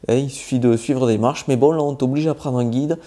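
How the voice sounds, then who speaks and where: A man's voice: medium pitch, fairly even intonation, a little fast, dark tone. A man with a southwestern French accent giving casual, informal travel tips straight to the viewer, with many hesitations as he talks. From southwest France. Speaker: travel vlogger.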